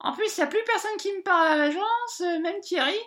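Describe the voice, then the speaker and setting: A woman's voice: very high voice, brisk, fairly bright tone. A woman playing a scatterbrained bank adviser. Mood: apologetic, lonely. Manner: rambling, hesitant, full of filler sounds. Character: scatterbrained, hapless female bank adviser, lonely and rambling. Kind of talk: comic character monologue.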